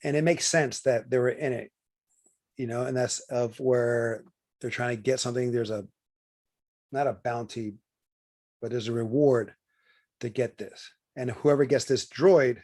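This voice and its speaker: A man co-hosting a relaxed watch-party stream. He rambles, restarts sentences and trips over names, filling gaps with "you know". His voice sits at an everyday middle pitch. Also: a little slow, long pauses. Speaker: co-host. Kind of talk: casual watch-party chat.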